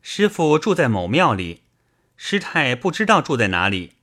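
A man voicing a timid young boy monk who answers hesitantly, filling pauses with uncertain sounds. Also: mid-range voice, sing-song, fairly bright tone, pitched above the performer's own voice.

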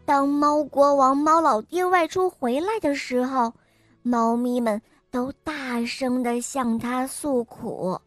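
A woman host reading a fairy tale for children in a gentle, clear, unhurried way. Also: sits high, fairly even intonation, no echo, faint music behind. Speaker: storyteller host.

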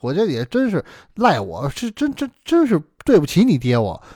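A man's voice: a little high, wildly swooping pitch, normal speed, dark tone, no echo, studio quality. A man voicing a kindly elderly neighbor, talking earnestly and fatherly in a storytelling performance. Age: older. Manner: earnest, self-reproaching, fatherly.

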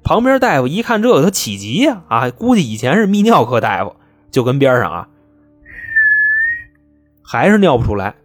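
A man's voice: mid-range voice, very animated, moderate pace, pauses often, soft background music. A man telling a comic crime story as host, chatty, wry and colloquial.

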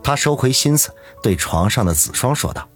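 A man narrating an audiobook in a lively, dramatic storytelling manner. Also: mid-range voice, moderate pace, faint music behind.

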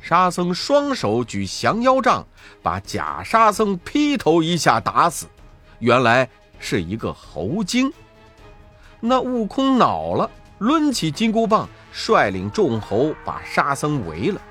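A man telling a children's story in an expressive, sing-song way. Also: on the high side, slow, faint music behind.

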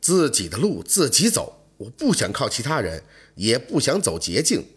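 Upright young scholar, stiff and principled; a man voices him, husky voice, earnest and firm delivery. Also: medium pitch, huge pitch swings, moderate pace, heavily acted. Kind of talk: storytelling role voice.

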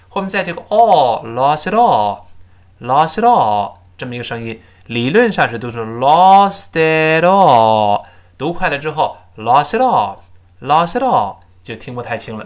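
A middle-aged man teaching an English lesson, patiently explaining pronunciation and grammar in Mandarin and loudly modeling English words slowly. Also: medium pitch. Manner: patient, repeats drills with "let's read it again".

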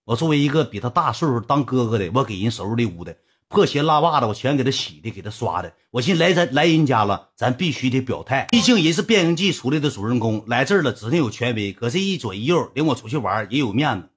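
Husky Northeastern Chinese man spinning a yarn. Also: mid-range voice, lively intonation, fast talker. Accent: Northeastern Mandarin. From Northeast China. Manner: rambling, slangy, bantering with viewers. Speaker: livestream storyteller. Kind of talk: casual storytelling to a live audience.

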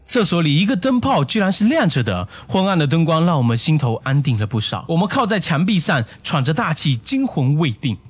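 Husky-voiced man telling a horror story. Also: on the high side, very animated, fairly quick, few pauses, no room sound. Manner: hushed, suspenseful telling. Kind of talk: first-person horror story narration.

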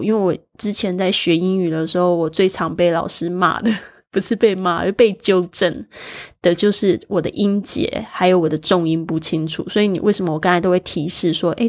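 A woman's voice: on the low side, darkish tone. A native Mandarin-speaking woman gives a casual English vocabulary lesson. She spells words out letter by letter and points out where the stress falls. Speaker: English teacher.

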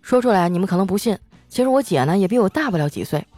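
A playful young woman tells comic stories from her own life, laughing often as she goes. Her pitch is very lively, and faint music plays underneath. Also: rapid-fire, no room sound. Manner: playful, giggly. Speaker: podcast host. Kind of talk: comic storytelling.

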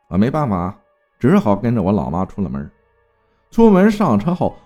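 A man narrating a spooky folk tale in a lively, dramatic way. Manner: lively, dramatic telling with big swings of pitch. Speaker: storyteller.

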